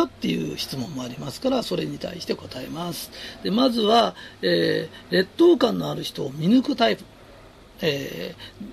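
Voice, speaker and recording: A man's voice: sits high, gravelly, slightly rough. A man giving an emphatic advice talk, answering listener questions and repeating key words.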